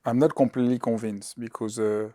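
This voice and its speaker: A man hosts an interview, asking questions in halting, hesitant English full of restarts. His voice sits in an ordinary middle pitch. The sound is close and dry, with no room echo. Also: fairly even intonation, dark tone. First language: French. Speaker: host.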